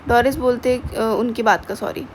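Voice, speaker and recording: Lady teacher going through a play line by line, bit high voice, faint traffic in the background. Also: moderate pace, poor audio. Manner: reads English lines then explains them in Hindi. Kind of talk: explaining a play in an English lesson.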